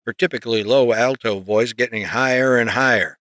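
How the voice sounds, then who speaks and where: A man narrating a story in the first person, reading in a steady, measured way close to the mic. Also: mid-range voice, dry recording. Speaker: audiobook narrator.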